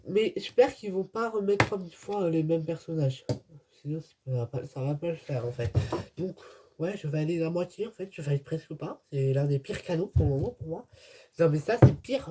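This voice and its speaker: A woman's voice: low voice, lively intonation, moderate pace. A woman vlogging as she opens an advent calendar, chatting casually and grumbling in exasperation, with laughs in between. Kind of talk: casual unboxing chat. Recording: noisy with crinkling packaging. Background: clicks and crinkling wrappers.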